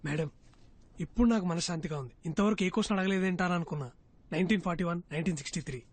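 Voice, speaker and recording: A man's voice: sits high, racing. A man dubbing a film role as an eager, talkative young job seeker who gives long, rehearsed answers. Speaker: job candidate in a film scene. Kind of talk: dubbed film dialogue. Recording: dub with background music.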